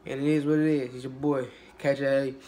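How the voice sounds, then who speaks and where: A young man in a casual mukbang vlog, who rambles in a relaxed, low-energy way with lots of fillers and restarts and has a cold. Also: brisk, a little hiss or hum. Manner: low-energy, laid-back. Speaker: YouTuber.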